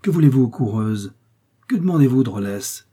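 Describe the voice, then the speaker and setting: A man voicing a frightened male servant in a read-aloud novel, shouting in panic. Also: mid-range voice, very animated, normal speed, slightly rough. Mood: scolding.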